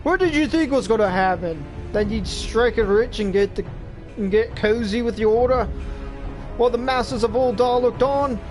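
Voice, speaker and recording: A man voicing a cruel, gloating male thug who talks with a rough drawl while reading game dialogue. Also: very high voice, normal speed, over music. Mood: angry. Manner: taunting, with a rough old-fashioned drawl.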